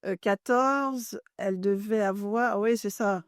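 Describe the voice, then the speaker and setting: As an interview guest, an Irish journalist and author explains at length in a slow, mid-range voice, often searching for French words and correcting herself; her native language is English. The studio sound is clean, with no room sound.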